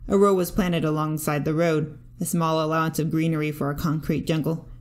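A woman narrating a fanfic audiobook in a steady, even reading voice. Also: deep voice, brisk. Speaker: fanfic reader.

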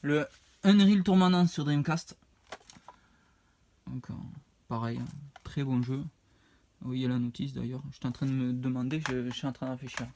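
A man's voice: mid-range voice, fairly even intonation, normal speed, long pauses, darkish tone, slight background noise. A man, casually showing off his retro game purchases, rambling and hesitant as he reads out prices. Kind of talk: casual unboxing vlog.

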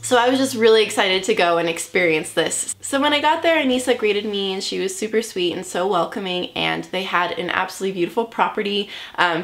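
A woman's voice: medium pitch, a bit bright. A young woman vlogging casually to camera, upbeat and bubbly, her voice slightly nasal from a cold. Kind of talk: casual vlog talk to camera.

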